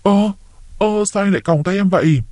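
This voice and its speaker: A man reading a story aloud, voicing a young woman who pleads and whimpers in a high voice. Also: fairly quick, warm tone, no room sound, clean studio sound, natural voice. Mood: pleading, crying.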